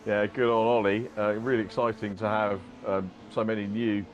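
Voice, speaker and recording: A man's voice: lowish voice, flat delivery, moderate pace, lo-fi sound, slight background noise. A man giving conversational motorsport commentary and analysis in a rambling, hesitant, self-correcting way.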